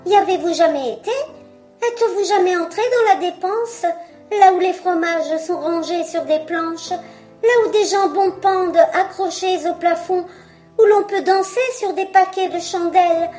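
A woman's voice: very high voice, measured pace, darkish tone, faint music behind, pitched above the performer's own voice. A woman voicing a chorus of tiny, curious mice who ask eager, nosy questions.

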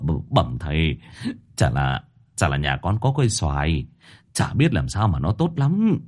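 A man's voice: medium pitch, a little mellow, husky, heavily acted. A man voicing a desperate peasant husband who pleads and stammers in a storybook.

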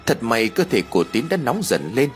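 A man narrating a scripted horror story in an expressive, dramatic reading. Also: mid-range voice, moderate pace, soft background music.

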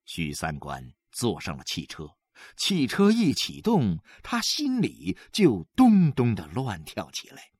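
A man's voice: medium pitch, wildly swooping pitch, takes it slowly, few pauses, a little mellow, breathy edge, no room sound. A man narrating a literary novel as an audiobook, dramatic and emotionally varied, with faint music behind.

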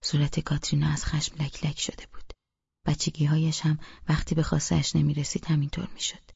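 Gravelly flat-voiced man narrating. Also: on the high side, no echo, highs cut off. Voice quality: gravelly, husky. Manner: flat, even reading. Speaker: audiobook narrator. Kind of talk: scripted first-person narration.

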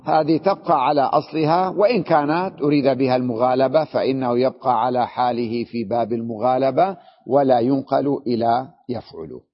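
A man's voice: medium pitch, a little fast. A man teaching Arabic grammar in a classroom lecture, explaining through questions and frequent checks that students follow. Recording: dull lo-fi recording with long hall reverb.

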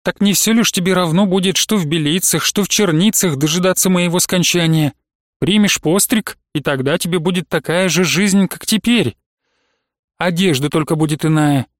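Brief: male reader as a stately old abbess, slow and solemn, tender under restraint. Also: high-pitched, no echo, clean studio sound, natural voice. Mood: solemn reasoning. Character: stern aging abbess, dignified yet loving.

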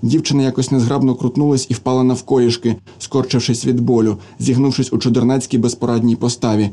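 A man narrating a literary novel as an audiobook, in a steady, even manner. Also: medium pitch, fast talker.

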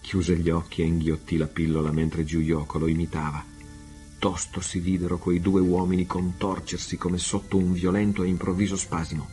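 A man reading a novel aloud, measured and unhurried. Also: low-pitched, flat delivery, dark tone, faint music behind. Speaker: reader. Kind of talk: audiobook narration.

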